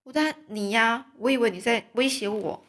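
A woman's voice: on the high side, moderate pace, a bit bright, close to an everyday voice. A woman voicing an anxious, earnest young male sailor in a read-aloud story. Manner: alarmed, earnest.

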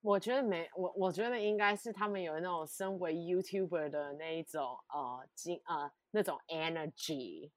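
A woman co-hosting a relaxed podcast, telling a story with lots of emphatic repeats and animated asides. Her voice sits on the low side for a woman. The sound is dry and close to the mic. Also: normal speed, hardly any pauses, no echo. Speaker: podcast co-host. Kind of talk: casual chat.

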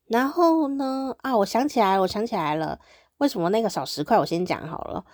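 Here a podcast host with a Taiwanese Mandarin accent relates everyday stories in a relaxed solo monologue, chatty, bright and easily tickled. Her medium-pitched voice is slightly dark, with lively intonation and a fairly quick pace. Clean studio sound, no room ambience.

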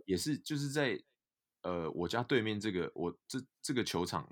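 A young man, a guest telling stories in a casual interview, animated and full of fillers. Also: on the low side, moderate pace. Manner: animated storyteller, many fillers. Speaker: guest, basketball player.

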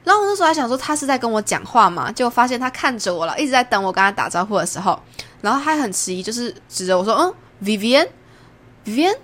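A young woman from Taiwan with a Taiwanese Mandarin accent, hosting a podcast and chatting through a personal story, jumping up in pitch when she acts out what people said. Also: very animated, rapid-fire, fairly bright tone. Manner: chatty, acts out quoted lines with big pitch jumps. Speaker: podcast host. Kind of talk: casual storytelling monologue.

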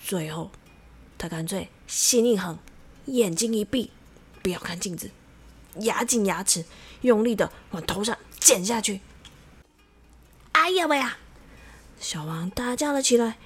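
A woman narrating a children's story in a lively, expressive way, speaking to young listeners. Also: medium pitch, moderate pace, breathy edge.

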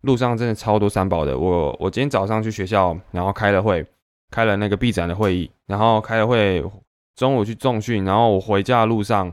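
A young man with a Taiwanese Mandarin accent, venting casually to camera in an animated way with many fillers. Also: on the low side, brisk, clear, resonant tone, no room sound. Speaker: vlogger.

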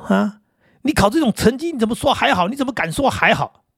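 A man's voice: very high voice, animated, quick pace, no echo, clean studio sound, pitched above the performer's own voice, exaggerated voice. A man voicing an exasperated father who fires scolding questions at his son. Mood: angry.

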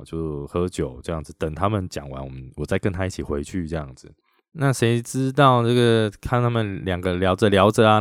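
A middle-aged podcast host with a Taiwanese Mandarin accent animatedly retells a personal story in a chatty style. His voice is low, recorded in studio quality with no echo.

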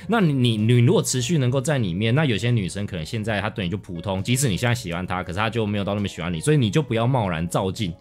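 A man, chatting casually as a podcast co-host. He talks in an animated way and acts out his own past thoughts. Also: on the low side, racing, few pauses. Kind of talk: casual chat. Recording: faint music in background.

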